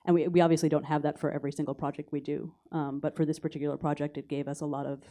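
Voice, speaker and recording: A woman with an American accent speaks as a photo editor on a conference panel. Her voice sits low and mellow, and her delivery stays level and low-key. She walks through slides haltingly, stopping now and then to find her notes. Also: flat delivery. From United States. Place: university conference hall.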